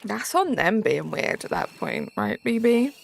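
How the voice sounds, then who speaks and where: A young woman from Southern England chats casually on a live stream, answering viewers' comments with plenty of "um" and "like." Her fairly high, creaky voice swoops wildly in pitch, she takes her time, and faint music plays behind her.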